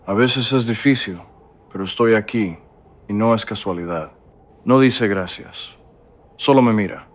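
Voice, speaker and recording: A man narrating a first-person story in a calm, reflective way. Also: lowish voice, unhurried, pauses often.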